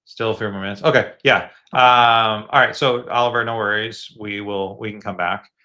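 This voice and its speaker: A lowish, bright-toned man hosts a video call and coaches fan designers on their models. His delivery is casual and encouraging, and he often backs up and restarts his phrases as he thinks out loud. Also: fairly even intonation, normal speed. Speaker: host giving feedback to fan designers.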